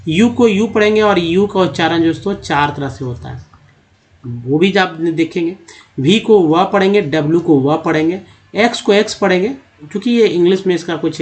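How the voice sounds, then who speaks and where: A man teaching how to pronounce English letters, repeating each sound slowly and calling the viewers his friends. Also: fairly high pitch, darkish tone.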